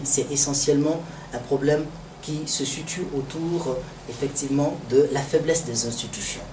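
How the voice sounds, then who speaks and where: A man from Mali with a Malian French accent gives formal political analysis in a deliberate, didactic manner, repeating phrases for emphasis. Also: mid-range voice. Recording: echoey, distant mic, noisy background.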